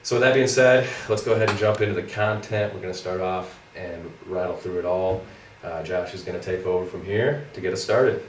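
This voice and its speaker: A man's voice: sits low, fairly quick, few pauses. A young man in his twenties, nasal and congested from a cold with a scratchy throat, casually recapping his week of physical therapy school as co-host. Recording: roomy, far from the mic, faint noise.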